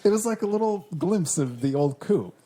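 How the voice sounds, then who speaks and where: Mellow, husky Australian man. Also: sits high, lively intonation, normal speed. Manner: chatty, laughs often while retelling scenes. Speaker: podcast co-host. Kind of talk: casual TV recap chat.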